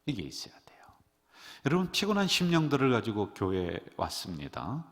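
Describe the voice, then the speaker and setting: A middle-aged man preaching as a pastor, animated, leading his congregation in call-and-response. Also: mid-range voice, brisk. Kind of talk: sermon. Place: church sanctuary. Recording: long church-hall reverb.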